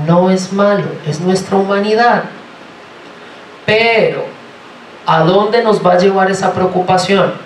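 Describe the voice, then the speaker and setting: A man from Colombia with a Colombian accent, preaching a sermon in a lively, joking way and asking the congregation many rhetorical questions. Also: high-pitched, slight background noise. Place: church sanctuary. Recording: roomy, from far off, faint ambience.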